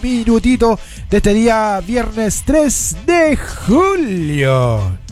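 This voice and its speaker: Over soft background music, a man with a Chilean Spanish accent hosts live radio in a high, very animated, slightly mellow voice, speaking very slowly. A cold has stuffed up his nose, but his patter stays chatty, sing-song and upbeat, dotted with tag questions.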